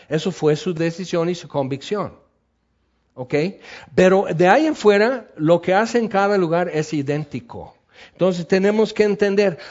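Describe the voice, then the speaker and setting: A man's voice: on the high side, a little mellow, lo-fi sound. A man preaching a sermon as pastor, talking in a loose conversational way with many fillers.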